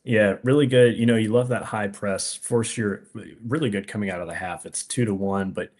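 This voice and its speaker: Low-voiced man analyzing a soccer match. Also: darkish tone. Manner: measured, thoughtful analysis with frequent fillers. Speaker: podcast co-host. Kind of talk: casual sports analysis chat.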